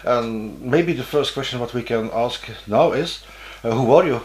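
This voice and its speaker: A man, interviewing a guest in a halting, animated way, with many fillers. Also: mid-range voice. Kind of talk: interview chat. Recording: roomy echo.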